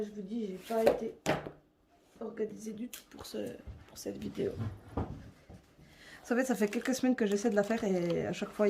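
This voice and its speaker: A woman's voice: medium pitch, gravelly, noisy background. A young woman vlogger chatting casually and a bit hesitantly as she shows her coloring books, with many fillers.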